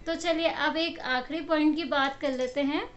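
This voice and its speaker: High-voiced woman giving a lively pep talk. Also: normal speed, lo-fi sound. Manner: animated storytelling, acts out quotes, laughs often. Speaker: motivational speaker. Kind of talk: casual motivational talk to camera. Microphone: camera mic.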